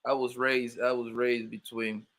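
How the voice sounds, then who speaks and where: This livestream host, a young man born in Colombia and raised in Brooklyn, New York, has a New York accent and jokes around casually, naming viewers from the chat. His medium-pitched voice is fairly bright, with a flat delivery and a measured pace.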